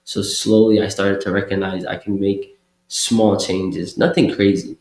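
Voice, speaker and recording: A young man from Kenya, a community program worker, chats as a guest in a casual interview, loose and conversational with many fillers and restarts. His deep voice has a darkish tone, little pitch movement and an unhurried pace. The recording has a roomy echo.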